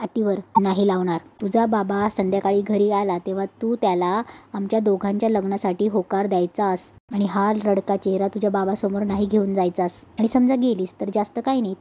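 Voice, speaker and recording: Brief: woman doing a mellow-voiced scheming stepmother, sneering and flat. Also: mid-range voice, breathy edge, lightly acted. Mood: menacing. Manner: sneering, falsely sweet.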